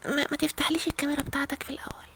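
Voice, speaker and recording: Man doing a woman's voice, young Egyptian woman, high, creaky, coy, breathy whisper, fast, faint noise. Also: monotone, bright, forceful tone, exaggerated voice. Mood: coy, hushed. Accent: Egyptian Arabic. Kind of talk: breathy, whispery phone chat.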